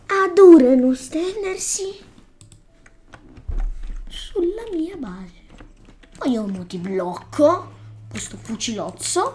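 Woman chatting slow over a game, high-ish voice, keys clicking faint behind. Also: darkish tone, a little hiss or hum. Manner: playful, exclaiming at the game, scolding fish and stalkers. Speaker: gaming YouTuber. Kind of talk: Let's Play commentary.

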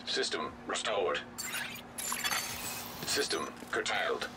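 A man voicing a male in-game computer system that announces its status in flat, clipped phrases, with a metallic robotic filter. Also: low-pitched, slow, very noisy. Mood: cold. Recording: loud gunfire mixed over the voice.

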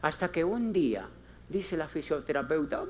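Theatrical man with lively high voice. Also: moderate pace, slight background noise. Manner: theatrical, acts out characters with big pitch swings; repetitive, emphatic. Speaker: motivational speaker. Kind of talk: conference talk.

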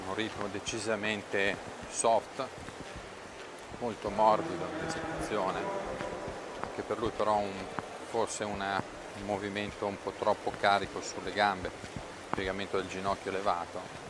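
Italian guy commentating at an indoor pool, low flat voice, loud noise behind. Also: measured pace. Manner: calm, explanatory, technical remarks. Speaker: sports commentator. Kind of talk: live sports commentary.

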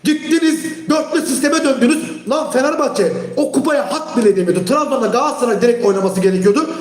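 A man hosting a live stream, ranting heatedly at his chat and often shouting. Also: extremely high pitch, expressive, quick pace, echoey room. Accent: Turkish. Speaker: livestream host. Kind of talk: angry live-stream rant.

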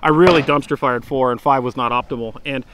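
A man hosting a casual talk outdoors at a shooting range, walking through a course in a quick, animated way. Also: medium pitch, very noisy. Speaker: host. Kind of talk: casual range chat and stage walkthrough.

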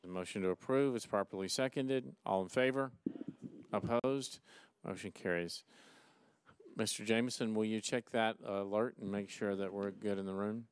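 A middle-aged man chairing a council meeting, reading resolutions aloud in a brisk, formal way from a desk mic. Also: fairly low pitch, steady tone, clean tone. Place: large council chamber, seated at dais. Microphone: desk gooseneck mic.

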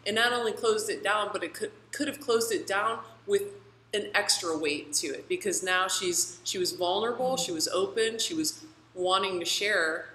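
A woman with a bright, forward voice, interviewing her guests and reflecting back on what they share in an affirming way. She often ends her thoughts with "right?". The room is echoey and has a faint hiss behind her. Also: mid-range voice, moderate pace. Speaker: interviewer and sound healer. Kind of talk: conversational interview.

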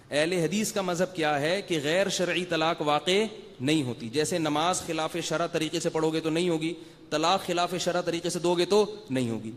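A man's voice: fairly high pitch, in a large hall. A man giving a religious lecture to a live audience, talking conversationally, asking the listeners rhetorical questions and telling anecdotes. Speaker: Islamic scholar giving a Ramadan night lecture.

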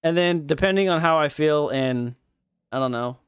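A young man live-streams a game in a fairly high voice at normal speed, with a clean, echo-free, studio-quality sound. He chats casually with viewers, swearing and laughing a lot and reacting loudly to the gameplay.

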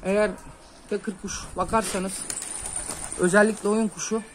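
The recording is rough as a high-voiced man with a flat delivery, a pigeon keeper, vlogs from a rooftop on his phone at normal speed. He chats earnestly with viewers, giving advice and making soft hissing noises to call his birds.

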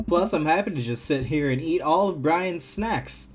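A man hosting a gameplay video, reading a dating-sim script aloud with lively, chuckling reads of the lines. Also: a little high, moderate pace. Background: game music.

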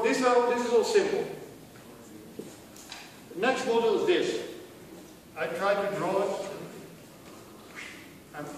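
A middle-aged man with a Dutch accent teaches a university class, throwing rhetorical questions at his students and often stopping to restart his phrases. His voice sits high for a man. It reaches the mic from across a large lecture hall, with long reverb. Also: slight background noise. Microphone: far camera. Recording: echoey hall recorded from far off.

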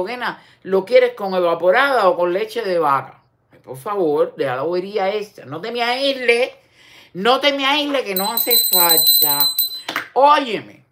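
An older woman with a Cuban accent hosting an online show, chatting casually, teasing and talking straight to the viewer. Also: lowish voice. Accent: Cuban Spanish. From Cuba. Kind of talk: casual commentary chat.

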